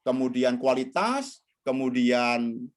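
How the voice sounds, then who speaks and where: A man teaching communication skills in an online training session, talking straight to his audience over a video call. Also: slow pace. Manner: animated, swings pitch widely, addresses audience directly.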